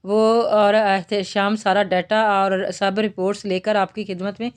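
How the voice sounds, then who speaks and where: A woman's voice: medium pitch, little pitch movement, measured pace, clear, resonant tone, natural voice. A woman reading the part of a playful young man reporting to his boss. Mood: jokey. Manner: jokey. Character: joking young male assistant, playful.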